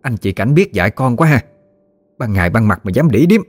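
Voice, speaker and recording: A male storyteller voicing a shrill, accusing village mother-in-law in an audiobook story. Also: sing-song, fairly quick, no room sound. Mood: scolding. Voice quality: shrill, wailing. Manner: accusing, theatrical outbursts.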